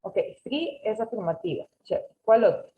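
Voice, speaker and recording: A woman's voice: medium pitch, animated, normal speed, phone-quality sound. A woman teaching an English class over a video call, patiently correcting students and mixing with English. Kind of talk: online class instruction.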